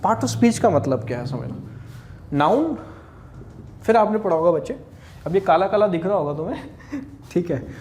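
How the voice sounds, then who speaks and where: A man's voice: high-pitched, lively intonation, moderate pace, pauses often, a little mellow, a little hiss or hum. Chatty Indian man teaching English grammar. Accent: Haryanvi Hindi. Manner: chatty, addresses students as "bachche", repeats "theek hai". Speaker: English teacher for exam prep. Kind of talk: classroom lecture in Hindi with English terms. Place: classroom at a whiteboard.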